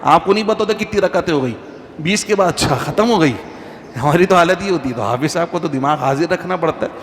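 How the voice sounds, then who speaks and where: A man, a mufti, giving an informal religious talk to a congregation in a mosque, conversational and full of anecdotes. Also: a little high. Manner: conversational, anecdotal, chants Quranic verses slowly. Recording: faint background noise, long reverb.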